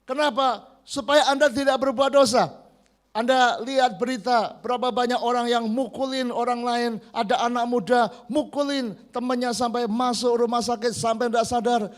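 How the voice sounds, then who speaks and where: High-voiced male pastor preaching. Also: moderate pace. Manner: animated storyteller, prompts congregation to repeat. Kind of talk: sermon. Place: church service.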